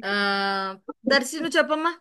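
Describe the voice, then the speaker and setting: A young adult woman, a teacher, telling a folk tale to children in a lively, animated way. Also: sits high, moderate pace, smooth. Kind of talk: storytelling to children.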